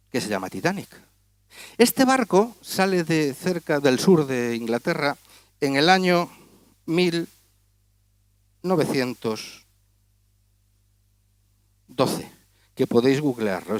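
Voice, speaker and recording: A man's voice: fairly high pitch, no room sound. A man doing comic stage patter as a magician, teasing and chatting with volunteers in front of a gala audience. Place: auditorium stage.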